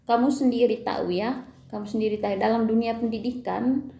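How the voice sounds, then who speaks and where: A woman teacher gives a recorded lesson in a somewhat high, gravelly voice. Her tone is mellow. The room adds a noticeable echo. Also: steady tone, fairly quick. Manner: explanatory, asks questions to students, frequent fillers.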